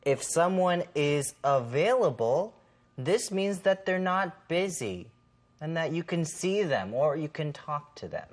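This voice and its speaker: Her voice sits low, expressive and measured, as she co-hosts an English lesson. Working from a script, she explains simply and pronounces each word with careful emphasis.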